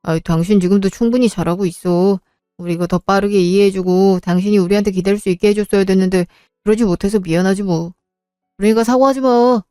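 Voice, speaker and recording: A woman voicing a gentle devoted husband. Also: mid-range voice, dry recording, studio quality, lightly acted. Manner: soft, reassuring, earnest. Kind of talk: Korean audio drama acting.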